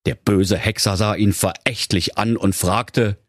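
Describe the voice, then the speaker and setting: A man narrating a comic fairy tale in a playful, expressive storytelling manner. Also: on the low side, a little slow, dry recording, clean studio sound.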